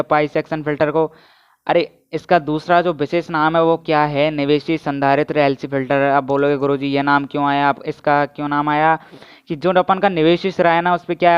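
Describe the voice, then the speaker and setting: Male physics tutor, clear but monotone, muffled lo-fi recording, energetic quizzing style. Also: a little high. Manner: keeps asking students to answer and comment; energetic, repetitive teaching. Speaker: physics teacher. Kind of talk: energetic online lecture. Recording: dull, muffled lo-fi audio.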